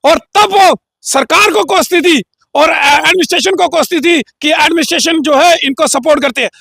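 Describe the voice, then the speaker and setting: A man's voice: very high voice, moderate pace, gravelly, pushed and bright, no echo, clean studio sound. A man as an interview guest giving a heated, combative political statement with frequent filler phrases. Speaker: interview guest, local group leader.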